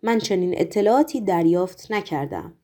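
A woman voicing a calm, deferential male secret-police chief who speaks quietly and courteously. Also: on the low side.

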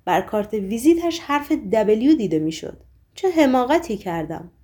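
A woman doing an agitated young man. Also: a little high. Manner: excited, protesting.

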